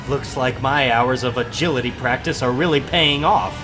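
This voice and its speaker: A man's voice: medium pitch, moderate pace, music in the background, natural voice. A man playing a wisecracking young superhero, quippy and theatrical, in a dramatic comic book reading. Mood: cocky. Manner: quippy, self-narrating, theatrical. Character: wisecracking teenage male superhero, cocky but hard-luck.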